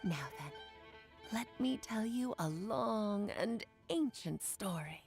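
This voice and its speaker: A woman's voice: mid-range voice, expressive, slow pace, creaky, a little mellow, faint music behind. An actress playing a playful, worldly mage mother in a video game, with a theatrical storytelling manner.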